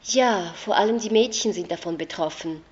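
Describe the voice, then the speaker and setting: A woman reading the part of Anna, an earnest, soft-hearted friend who gets indignant and pleading in argument, in a slightly muffled recording. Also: mid-range voice, moderate pace, close to an everyday voice.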